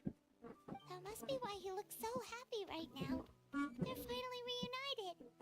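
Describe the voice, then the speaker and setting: A squeaky excitable fairy companion. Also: female voice, measured pace. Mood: relieved. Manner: excitable, exclaiming. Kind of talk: video game dialogue. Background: game music.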